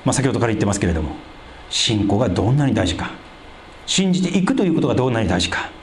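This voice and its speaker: A man preaching a sermon as a pastor, explaining scripture in a conversational way and dropping into a lower voice for asides. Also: sing-song, very fast, roomy sound, a little hiss or hum. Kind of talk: sermon, Bible exposition.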